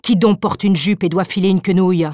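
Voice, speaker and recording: A woman's voice: lowish voice, steady tone, fairly quick, warm tone, no echo, close to an everyday voice. Lady voicing a bossy insulting husband, storybook reading, dry close sound. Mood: scornful. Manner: blustering, insulting. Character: domineering angry husband, man, scornful. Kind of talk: audiobook reading.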